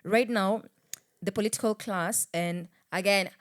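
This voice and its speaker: A Kenyan woman co-hosting a casual political talk show, animated and quick to laugh, with bits of Swahili. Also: mid-range voice. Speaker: podcast co-host.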